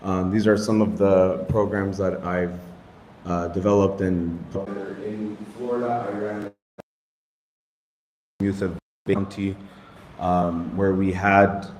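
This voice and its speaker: A man's voice: low voice, steady tone, slow pace, pauses often, darkish tone. A man in his thirties, an Islamic studies teacher, introducing himself with self-deprecating jokes, rambling asides and Arabic phrases. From United States. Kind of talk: casual self-introduction to a group. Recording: echoey room with faint noise.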